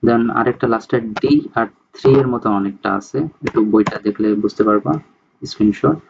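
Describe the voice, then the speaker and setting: Man slowly explaining speech sounds. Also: on the low side, fairly even intonation, creaky, lo-fi sound, noisy background. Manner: explains slowly, often checks in with "ঠিক আছে?"; reads English terms slowly, then explains them in casual talk. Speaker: teacher. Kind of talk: casual spoken lecture.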